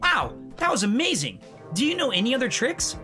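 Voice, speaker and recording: A man's voice: very high voice, wildly swooping pitch, fairly quick, sharp tone, faint music behind, voice pushed up, heavily acted. A man voicing a young male would-be pirate who is squeamish and dryly sarcastic. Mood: wry. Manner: dry, sarcastic asides.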